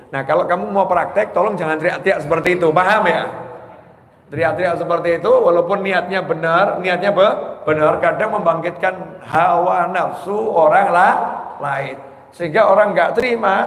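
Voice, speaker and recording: A man preaching a sermon in a mosque, telling stories with humor and teasing his audience. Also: high-pitched. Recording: echoey hall reverb.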